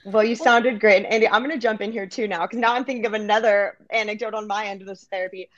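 A woman's voice: mid-range voice, steady tone, quick pace, no echo. An American woman co-hosting a casual interview, chatting in an easy, rambling way. She leans on "like" as she talks. Her audio is a little dull and lo-fi. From grew up overseas at international schools, American. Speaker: co-host.

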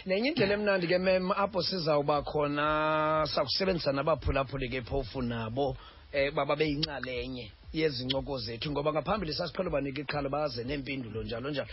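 A man's voice: on the high side, quick pace. A man with a South African Xhosa accent, chatting as a radio presenter and repeating words for emphasis, on dull lo-fi audio. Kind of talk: unscripted radio discussion.

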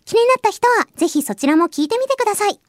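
High-voiced cheerful Japanese woman radio host. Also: expressive, no echo, studio quality. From Hiroshima, Japan. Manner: bright, cheerful and friendly, slow and careful in English, brisk in Japanese. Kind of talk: solo radio show, reading listener mail. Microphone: close studio microphone.

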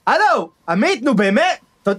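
An actor playing a flustered, insecure male director who stammers and whose voice climbs high when he gets upset, in a scripted comedy audio drama. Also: animated, a little hiss or hum. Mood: pleading.

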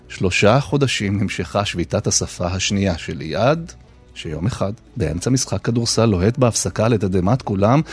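A man hosting a radio show, narrating scripted personal stories in a measured way with deliberate pauses. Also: low voice, darkish tone, breathy edge. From Israel. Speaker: radio host.

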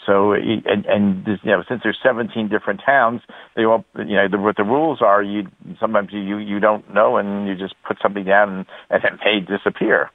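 A man's voice: lowish voice, fairly even intonation, fairly quick, no echo, narrow, tinny audio. A man speaking as a guest on a radio talk show by phone, rambling with many fillers. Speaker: guest and candidate.

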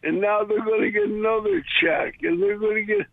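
A man's voice: high voice, huge pitch swings, creaky, no echo. Older man rambling over the phone. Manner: rambling, halting. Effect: heard over the phone. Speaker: caller. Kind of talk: casual call-in chat. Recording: tinny phone line.

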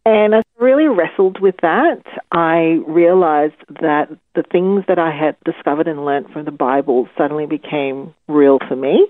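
A woman's voice: low-pitched, normal speed, hardly any pauses, dry recording. A woman in her forties from Malaysia, a psychologist talking over the phone about her life in a thoughtful way, with some fillers. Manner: thoughtful, with fillers and small laughs. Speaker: guest, clinical psychologist. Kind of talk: phone interview, personal story. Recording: tinny phone line.

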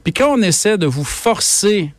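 Québécois guy, economics columnist on radio, pushy emphatic talk, slightly high voice, dry sound. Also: expressive, normal speed, dry recording. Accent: Québécois French. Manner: emphatic, argumentative, frequent repetitions. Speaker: economics columnist and professor, guest. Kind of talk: radio interview.

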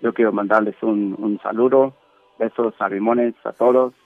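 Man putting on a halting foreign correspondent, phone line. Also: on the low side, fairly even intonation, no echo, close to an everyday voice. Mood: mock solemn. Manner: halting, stammering, repeats words. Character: bumbling male British correspondent with halting, accented Spanish. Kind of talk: comic mock radio news report. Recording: thin phone-like line, music behind.

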